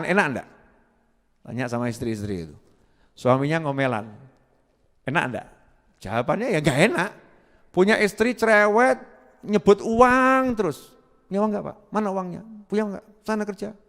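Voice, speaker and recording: A man's voice: sits high, fairly bright tone. A man preaching a sermon, questioning the listeners and chanting prayers in long drawn tones. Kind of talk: sermon to a live audience. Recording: live sermon with long hall reverb.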